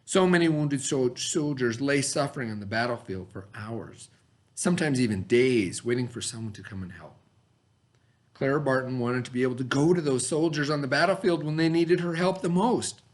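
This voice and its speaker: Here a man of medium pitch reads at an ordinary speed. His teacherly reading is expressive and instructive, peppered with questions and easy explanations for his pupils.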